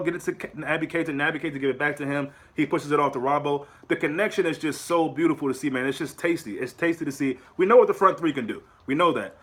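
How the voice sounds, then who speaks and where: An American man with a fairly high voice hosts his own fan channel, chatting casually to camera. He is animated, often repeats words, and pushes his pitch up into rhetorical questions.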